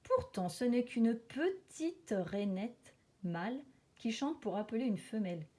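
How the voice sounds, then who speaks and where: Une femme lit un livre documentaire sur la nature pour enfants, comme une conteuse expressive qui souligne certains mots avec emphase. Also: female voice, a little high, unhurried. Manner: storytelling, dramatic emphasis on repeated words and sound words. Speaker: reader of a children's nature book. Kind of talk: expressive nature documentary narration, read aloud for children.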